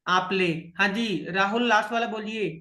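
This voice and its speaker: A man's voice: high voice, steady tone, moderate pace, bright, forceful tone, roomy sound. A man with an Indian accent teaching French to students, patiently repeating words and checking that they follow. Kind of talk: online French lesson.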